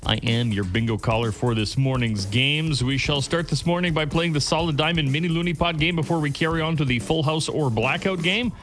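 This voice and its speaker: A man working as a bingo caller on local radio, announcing the games in a formal, measured, courteous way. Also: on the high side, fairly bright tone, faint music behind.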